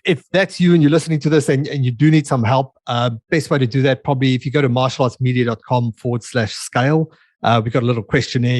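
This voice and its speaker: A podcast host with a South African and Australian accent, talking casually and joking easily. He speaks at an ordinary pitch, and the video call gives it a plain, everyday sound. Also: no echo, studio quality. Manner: jokey, relaxed, laughs easily. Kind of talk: casual interview chat.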